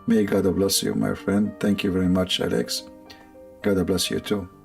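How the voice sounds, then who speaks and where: A low, gravelly voiced man with an Arabic accent hosts a casual stream, rambling and sarcastic, breaking into laughs. Faint music plays behind him. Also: flat delivery, moderate pace, a little mellow. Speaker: livestream host. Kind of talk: casual joking monologue.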